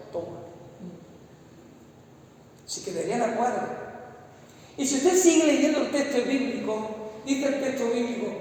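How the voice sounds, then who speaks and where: High-voiced pastor in an echoing hall. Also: male voice, slight background noise. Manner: emphatic, repeats phrases for stress. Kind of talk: sermon. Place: church hall, echoey. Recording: echoey church hall from far off.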